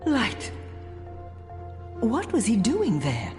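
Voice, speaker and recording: Older game matriarch, solemn, gentle, slow delivery, cavernous reverb. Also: female voice, a little high, wildly swooping pitch, heavily acted. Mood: moved, concerned. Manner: solemn, unhurried, caring. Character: dignified, gentle older female religious leader. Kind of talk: dramatic video game acting. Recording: long hall reverb with music.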